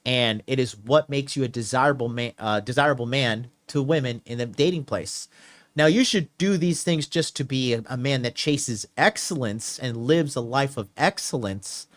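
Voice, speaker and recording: Man in his late 30s, call-in show host, emphatic, repetitive, mid-pitched voice. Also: normal speed. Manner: emphatic, repeats himself, says okay a lot. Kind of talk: casual call-in advice talk.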